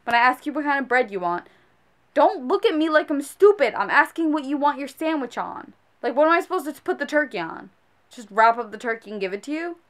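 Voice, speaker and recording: A high-pitched woman playing a sandwich shop worker rants casually and with exasperation about how people behave. She scolds viewers directly and emphatically, like a fed-up food service worker. Her voice is sing-song, a bit bright and a little fast.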